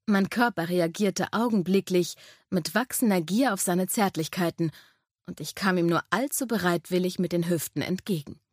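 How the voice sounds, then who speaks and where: A woman reading a first-person audiobook in a calm, intimate storytelling manner. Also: fairly low pitch, normal speed, no echo, studio quality. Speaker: audiobook narrator.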